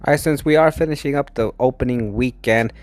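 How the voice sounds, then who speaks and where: Recovering from a lost voice, this movie-review host sounds stuffy and worn out, delivering a low-energy, casual review as a close-miked voice-over. He talks a little fast over soft background music.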